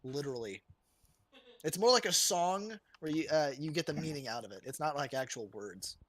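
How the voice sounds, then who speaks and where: A man's voice: a little high, animated, moderate pace, fairly bright tone. A man running a tabletop game as game master, narrating with playful, dramatic flair.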